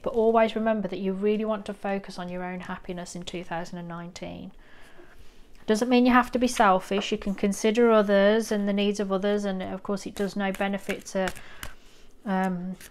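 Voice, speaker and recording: A woman giving a tarot reading to her viewers. Her voice is smooth and clear. She talks in an encouraging, meandering way and pauses often on ums. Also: medium pitch. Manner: gentle, encouraging, rambling with ums. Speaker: tarot reader. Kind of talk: pick-a-card tarot reading.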